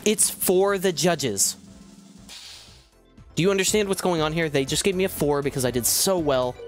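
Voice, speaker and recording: A man's voice: a little high, fast talker, over music. A man streaming a video game live, swearing often and breaking into yelps and laughter as he talks to his viewers. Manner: profane, excitable, bursts into yelps and laughs. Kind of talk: live gaming stream commentary.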